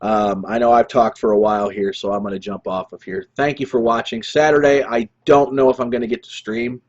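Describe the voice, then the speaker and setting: Man, husky voice, dull lo-fi stream audio, rambling casual storytelling, podcast host. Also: mid-range voice, steady tone, fairly quick. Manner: rambling storyteller with chuckles and restarts. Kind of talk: casual gaming story monologue.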